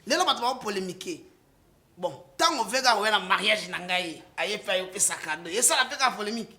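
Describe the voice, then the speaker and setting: A man with a Congolese French accent, a political guest speaking passionately and switching between French and Lingala. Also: high-pitched. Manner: emphatic, rising to loud outbursts, with restarts. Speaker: political guest, party supporter. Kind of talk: impassioned political talk, mixing French and Lingala.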